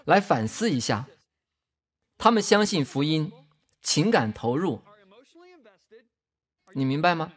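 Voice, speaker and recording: A man preaching a sermon in an impassioned, emphatic way, swinging between loud declarations and hushed asides. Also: a little high, sing-song, takes it slowly, long pauses, breathy edge. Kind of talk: sermon teaching.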